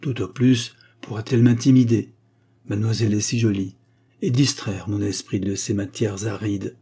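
A man's voice: fairly low pitch, steady tone, moderate pace, dark tone, breathy edge. A man voicing a gallant young officer. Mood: earnest. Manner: polite, earnest. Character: gallant young male officer, eager and courteous.

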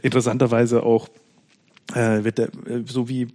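A man talks casually on a podcast at an average pitch. He rambles, circles back and restarts his sentences often, in a loose, chatty way. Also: little pitch movement, moderate pace, warm tone. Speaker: podcast co-host. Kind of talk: casual chat.

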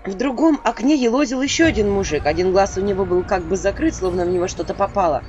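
A woman narrating an audiobook in a lively, expressive storytelling manner. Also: mid-range voice, fast. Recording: dull lo-fi audio with faint music.

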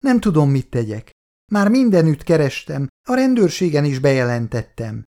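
A man's voice: on the high side, big pitch swings, mellow. A man voicing a distraught middle-aged mother who pleads in a breaking, tearful voice. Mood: pleading, tearful.

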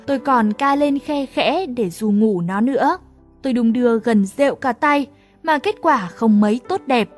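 A woman narrating a first-person story in a lively, exasperated comic tone. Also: a little high. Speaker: audiobook narrator.

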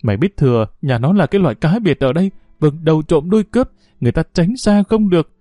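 Male narrator doing a blunt young village woman in an audiobook, fast and sharp-tongued, raised pitch. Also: lively intonation, no room sound, studio quality, natural voice. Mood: scolding. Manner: sharp, rapid, reproachful.

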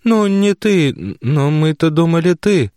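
A frightened old mother from an audiobook, a man doing her high, hoarse and wheezing. She mumbles, shaken and unsure, and sounds a little distant. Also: lively intonation, takes it slowly, darkish tone, no echo, clean studio sound. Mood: fearful. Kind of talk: audiobook character voice.

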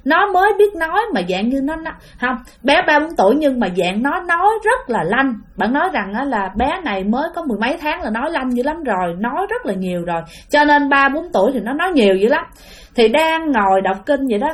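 Her voice sits high as she spins a ghost story, chatting along in a Southern Vietnamese accent. She frequently turns to address her audience directly.

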